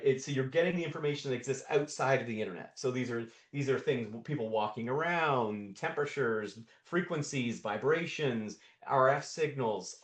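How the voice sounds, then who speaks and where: Man demoing software over a roomy video call. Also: mid-range voice. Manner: thinks aloud with frequent restarts and repeated words. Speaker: presenter of a live coding session. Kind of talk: live screen-share demo. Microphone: video call mic. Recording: roomy echo.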